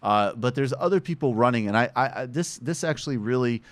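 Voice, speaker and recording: A man's voice: medium pitch, expressive, fairly quick, dry recording. A man from western Massachusetts hosting a podcast, giving conversational political commentary with wry asides. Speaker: podcast host.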